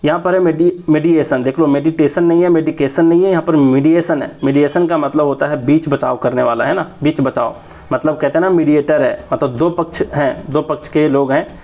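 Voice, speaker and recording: A man in his thirties with a Jharkhand Hindi accent teaches exam vocabulary in a chatty, explaining way, often checking that his listeners follow along. His voice sits a little high, and the recording sounds slightly dull and lo-fi. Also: steady tone, brisk. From Jharkhand, India.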